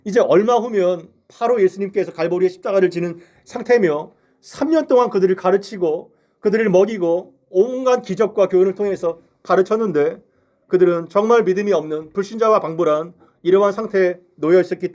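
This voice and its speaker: A man with a fairly high voice preaches in a church. He addresses the congregation earnestly and poses question after question to draw them in. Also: fairly quick, a little mellow. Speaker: pastor. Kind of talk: sermon. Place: church sanctuary.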